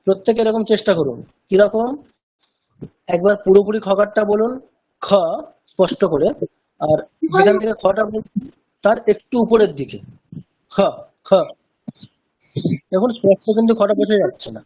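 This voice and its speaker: A man's voice: high-pitched, brisk, mellow, highs cut off. A man teaching a pronunciation lesson in an online class, patiently repeating sounds to demonstrate them. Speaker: chanting teacher.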